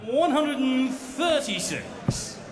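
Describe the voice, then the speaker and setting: Man, darts caller, very high swooping voice, booming drawn-out score announcements, roaring crowd. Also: animated, over music. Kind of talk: announced score calling at a live darts match. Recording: echoey arena with loud crowd noise. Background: loud darts crowd.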